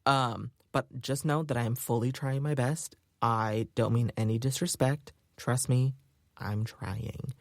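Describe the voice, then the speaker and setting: This podcast host, a man whose first language is English, talks alone in a chatty, upbeat manner loaded with filler words. His gravelly, medium-pitched voice keeps fairly even intonation at a measured pace, recorded in studio quality with no room sound.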